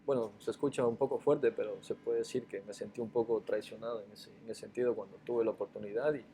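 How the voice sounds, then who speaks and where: A man's voice: lowish voice, steady tone, fast, mellow, a little hiss or hum. A man from Ecuador with an Ecuadorian accent, a former footballer answering interview questions hesitantly, with many fillers and repeated words. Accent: Ecuadorian Spanish.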